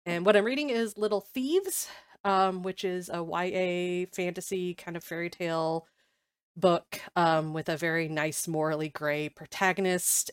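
Stuffy-nosed woman co-host, clear dry sound. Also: lowish voice, no echo. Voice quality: stuffy, congested nose. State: recovering from covid. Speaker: podcast co-host. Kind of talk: casual live-stream chat.

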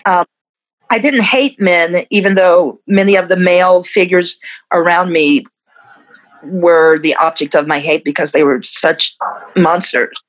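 A woman's voice: lowish voice, fairly even intonation, unhurried, low-quality recording. A woman in her fifties, a musician being interviewed, who talks in a reflective way and laughs often between thoughts. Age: 50s. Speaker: musician guest. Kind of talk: casual interview.

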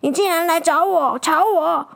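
A woman's voice: very high-pitched, moderate pace, vocal fry. Give me a woman playing a cruel drunken old man barking insults. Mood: angry. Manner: shouting, scolding.

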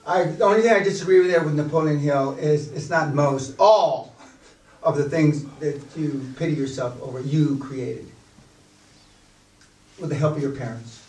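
Older guy cussing his way thru a motivational seminar, kinda high voice, far off in an echoey room. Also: moderate pace. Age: 60s. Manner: blunt, swearing, animated storyteller. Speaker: business coaching seminar leader. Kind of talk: profane motivational seminar talk. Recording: echoey room heard from afar.

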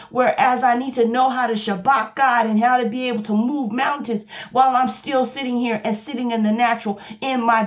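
A woman's voice: on the high side, dull audio. A woman preaching a sermon, firing emphatic rhetorical questions at her congregation.

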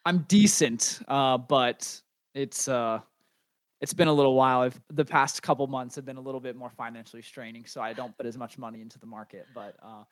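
A young man co-hosting a podcast, chatting casually and relaxed, with a self-deprecating streak. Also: mid-range voice, a little fast, no room sound. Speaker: podcast co-host. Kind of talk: casual chat.

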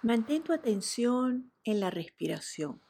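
A woman guiding a relaxation meditation in a soft, soothing voice, with breathy whispered cues. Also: fairly high pitch, sing-song, a little slow. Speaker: meditation guide.

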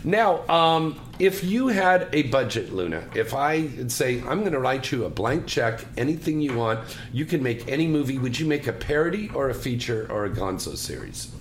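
A woman's voice: very deep voice, very animated, moderate pace, hardly any pauses, a little hiss or hum. A woman interviewing a guest in a casual, teasing chat.

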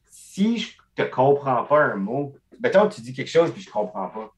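A man's voice: medium pitch, normal speed. A man with an Acadian French accent, a podcast guest talking casually and switching into English often. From Acadia, eastern Canada. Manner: mixes English into his French, animated storytelling. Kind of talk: casual conversation.

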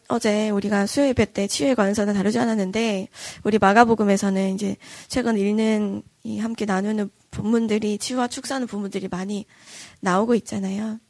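A woman's voice: medium pitch, creaky, darkish tone, no echo. A woman pastor preaching an earnest dawn-service sermon, acting out quoted voices and repeating lines for emphasis.

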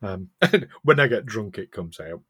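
A middle-aged man with a soft Yorkshire accent, co-hosting a podcast in casual chat. He is chatty and self-mocking, laughs often and restarts his sentences. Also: on the low side, lively intonation, unhurried, breathy edge. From Yorkshire, England. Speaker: podcast co-host.

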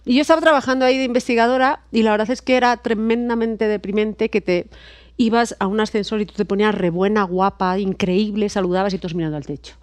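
Lively Spanish woman, dry close sound. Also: mid-range voice, quick pace, no room sound. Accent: Spanish (Spain). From Spain. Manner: lively, expressive storyteller, laughs often. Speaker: guest psychologist. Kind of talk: casual podcast chat.

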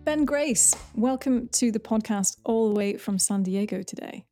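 A woman's voice: a little high, moderate pace, dark tone, no room sound, studio quality, faint music behind. A Scottish woman hosting a podcast interview, chatty and given to playful asides. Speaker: podcast host. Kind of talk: casual interview chat.

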